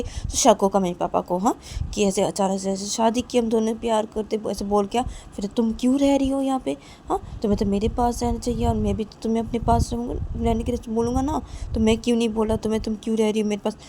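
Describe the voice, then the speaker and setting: An anxious young woman lover, put on by a woman telling the story begs again and again. Her pleas climb high, with faint hiss behind them. It is plain amateur storytelling, not polished acting. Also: dark tone, close to an everyday voice. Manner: repeats pleas over and over. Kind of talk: amateur story narration with voices.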